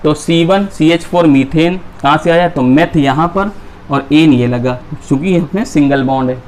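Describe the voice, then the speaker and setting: A man's voice: on the high side, normal speed, darkish tone, slight background noise. A man teaching a chemistry class, who keeps asking his students questions and then answering them himself. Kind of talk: classroom lecture.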